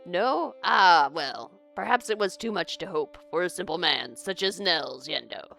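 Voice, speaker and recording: A woman voicing a smarmy, courtly male dark elf flatterer from a video game, with florid, ingratiating gallantry. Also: fairly low pitch, a little slow, creaky, faint music behind, full character voice. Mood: wistful, gallant. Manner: florid, ingratiating, old-fashioned gallant phrasing. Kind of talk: video game character read aloud.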